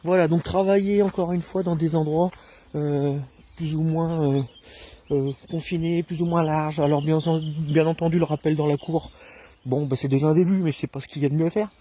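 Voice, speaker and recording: A man explaining dog training outdoors on a rural path, talking to viewers in a relaxed way with many hesitations, filmed alone on a handheld camera. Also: a little high, moderate pace. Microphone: camera filming alone, held himself.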